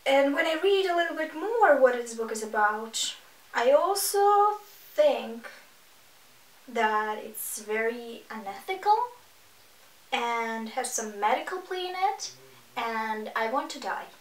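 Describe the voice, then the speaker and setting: A woman with a slightly high voice speaks slowly and animatedly, hosting a book review video with sarcastic, exasperated reaction commentary in a casual tone. The room sounds echoey and the mic is distant.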